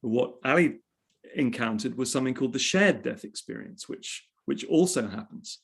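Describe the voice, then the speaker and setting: A man with a medium-pitched, slightly rough voice full of vocal fry speaks at a normal speed and with plenty of expression. He's an English journalist and author interviewed as a guest, telling a personal story reflectively and conversationally while often restarting his phrases.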